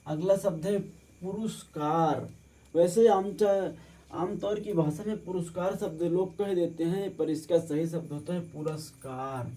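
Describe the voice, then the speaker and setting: A man teaching correct spelling for exam preparation, slowly spelling each word out. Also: sits high, fairly even intonation, dark tone. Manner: slow, drawn-out word by word correction. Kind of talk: spelling lesson for exam prep.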